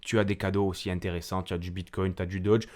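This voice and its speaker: A man's voice: low voice, flat delivery, quick pace, darkish tone. A man with a French accent hosting a casual market commentary, chatting to the viewer and walking through charts. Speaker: crypto channel host.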